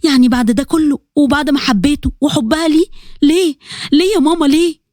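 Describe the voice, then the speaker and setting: A woman's voice: high voice, fast talker, a little mellow, dry recording, studio quality, lightly acted. A woman voicing a remorseful teenage girl with an Egyptian accent, tearful and pleading. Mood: grieving. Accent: Egyptian Arabic.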